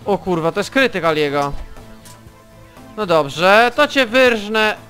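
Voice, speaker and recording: A man's voice: high-pitched, very animated, normal speed, bright, forceful tone. A man casually commenting on his gameplay, swearing and taunting the enemies he fights, with faint game music behind. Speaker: let's play gamer.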